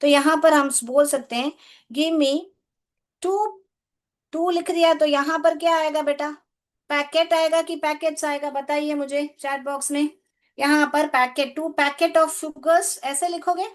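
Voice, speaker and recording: A woman's voice: high voice, steady tone, unhurried. A woman English teacher from India giving a live online class in Hindi, coaxing her pupils, asking them questions and calling them "beta". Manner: coaxing, calls students "beta", asks questions.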